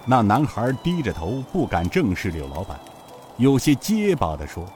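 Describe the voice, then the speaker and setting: A man narrating a serialized novel as an expressive, measured storyteller. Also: lowish voice, a little hiss or hum.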